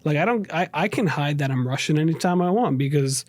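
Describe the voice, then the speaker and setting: A podcast guest raised in New York, in the United States, speaks with a New York accent in an earnest, reflective personal interview, often repeating and rephrasing himself. His voice is a little high and darkish in tone, and his delivery is animated and brisk. The recording is dry.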